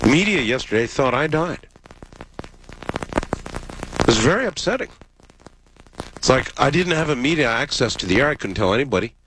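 A man's voice: mid-range voice, big pitch swings, moderate pace, long pauses, background noise. An American man hosting a casual radio call-in show, wry and dry-humoured, sick with a cold.

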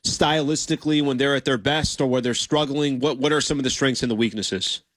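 Man with a loud, dense radio-announcer delivery. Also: medium pitch, brisk, no room sound. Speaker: sports radio host. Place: radio studio.

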